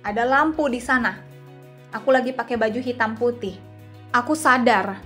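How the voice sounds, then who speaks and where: A woman's voice: on the high side, moderate pace, fairly bright tone, faint music behind. A young woman in casual talk to camera, addressing her viewers directly, seated indoors. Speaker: vlogger. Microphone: camera and phone in front.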